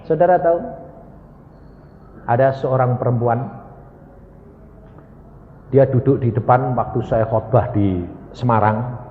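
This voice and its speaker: A male evangelist preaching, dramatic and swinging from hushed to loud. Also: medium pitch, slow, long pauses, phone-quality sound. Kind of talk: sermon. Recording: echoey hall with reverb.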